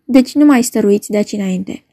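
Stern duke read by a woman, measured, mellow voice. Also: medium pitch, lightly acted. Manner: measured, commanding. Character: stern ruling duke, solemn authority. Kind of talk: dramatic reading of a play.

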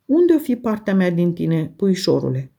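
A woman's voice: lowish voice, very animated, vocal fry, warm tone, full character voice. A woman reading the lines of a harsh, scornful, mocking father in an audiobook.

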